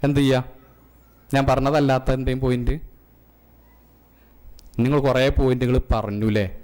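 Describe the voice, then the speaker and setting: A man's voice: mid-range voice, level tone, normal speed, darkish tone. A man with a Malayali accent teaching an emotional intelligence class, questioning the audience and joking. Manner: asks the audience questions and jokes. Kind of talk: interactive classroom lecture. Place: community centre classroom.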